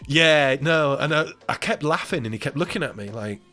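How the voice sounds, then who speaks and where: Animated man telling a story. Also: a little high, normal speed, soft background music. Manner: animated, acts out quoted voices, laughs often, swears. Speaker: live stream host. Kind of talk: casual storytelling chat.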